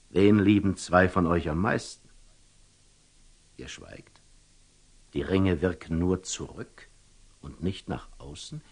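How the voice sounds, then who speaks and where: An actor playing a wise, calm merchant and eloquent storyteller in a classical radio drama, speaking with rhetorical, deliberate emphasis. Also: male voice, lowish voice, vocal fry, breathy edge, heavily acted. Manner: rhetorical, deliberate, with emphatic rises and hushed drops.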